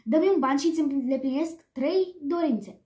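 A woman's voice: sits high, mellow, natural voice. A woman voicing an old magic wishing well that murmurs its warnings in a storybook reading. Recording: echoey room.

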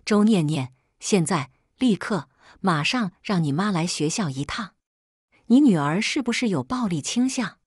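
A harsh female homeroom teacher scolds with a cold, sharp edge, as a woman narrating a storybook puts her on. The voice sits low and a little breathy, recorded close and dry with no room around it. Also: lively intonation, measured pace, dry recording. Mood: angry. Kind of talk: storybook reading.

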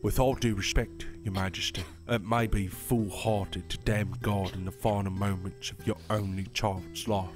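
A man's voice: lowish voice, fairly even intonation, normal speed, few pauses, music in the background, close to an everyday voice. A man voicing a loyal older royal healer who speaks formally and deferentially. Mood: respectful.

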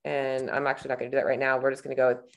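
A woman in her thirties, a nutrition coach, talks casually and thinks aloud while clicking through a screen-share tutorial on a webcam. Her voice is bass-deep, flat and racing, with vocal fry.

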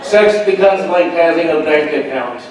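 Over loud crowd noise in an echoey room, a brash female puppet delivers singsong comedy, voiced by a man ventriloquist. The voice is bawdy and fairly high. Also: moderate pace, recorded from a distance, close to an everyday voice. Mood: bawdy, teasing.

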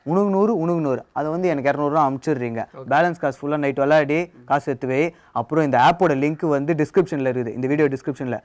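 A young man playing a pushy student hustler who rents out fake parents, calling out loudly in a comedy sketch. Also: fairly high pitch, lightly acted. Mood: persuasive. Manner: shouting hawker calls, fast and pushy. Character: loud fast-talking male student hustler renting fake parents. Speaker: rent-a-parent hawker. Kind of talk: Tamil comedy sketch acting.

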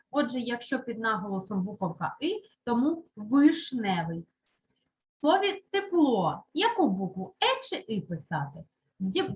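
Give me a woman primary teacher with a high, animated voice, speaking slowly and stressing each word for children. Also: dull audio. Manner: slow, emphatic, repeats words aloud for children. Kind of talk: Ukrainian lesson for third graders.

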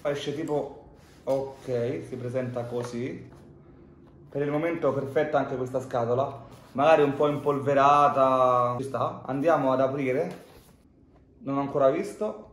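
Young man, casual unboxing vlog, chatty and informal, roomy echo, faint background hiss. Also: medium pitch. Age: young adult. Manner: chatty, informal, many filler "cioè" and "raga". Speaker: vlogger. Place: room at a wooden table indoors. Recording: echoey room, faint noise.

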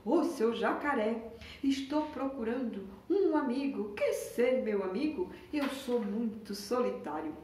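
A woman's voice: a little high, animated, a little slow, a little mellow, slight background noise. A woman voicing a lonely little male penguin with a Brazilian accent, earnest and polite, in a storybook reading. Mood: hopeful. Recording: echoey room, mic far off.

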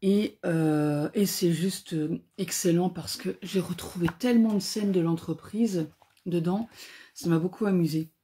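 A woman giving a casual spoken review of a comic book, often pausing and searching for her words. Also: fairly low pitch, dark tone.

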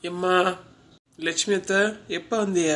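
A woman's voice: on the low side, level tone, measured pace, natural voice. A woman voicing a firm but caring village woman in a cartoon, speaking with a Kanyakumari Tamil accent. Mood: pleading. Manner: firm, scolding, consoling. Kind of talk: cartoon voice acting.

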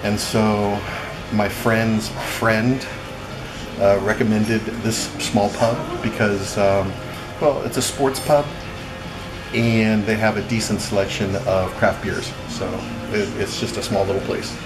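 A middle-aged man with a lowish voice talks slowly and loosely into a handheld camera, filling gaps with ums and uhs. He is sitting in a small pub, and loud music plays behind him. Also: poor audio. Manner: relaxed, rambling, with many ums and uhs. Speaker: travel vlogger. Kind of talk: casual travel vlog. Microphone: handheld camera at arm's length.

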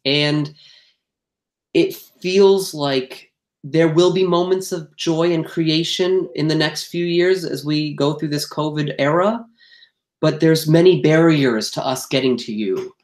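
A man, a theater actor and director, telling candid stories, animated and acting out quoted exchanges. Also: on the high side, slow. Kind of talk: candid interview storytelling. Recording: roomy echo.

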